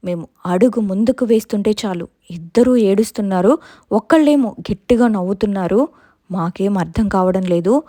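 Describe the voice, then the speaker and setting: A woman with a Telugu accent narrating a first-person ghost story from a script, her quoted lines pushed louder. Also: mid-range voice, normal speed, no room sound, clean studio sound.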